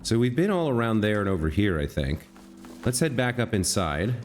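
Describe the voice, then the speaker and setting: A man's voice: lowish voice, big pitch swings, moderate pace, faint music behind. A man giving casual let's play commentary, musing and thinking aloud as he goes. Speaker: gamer commentator.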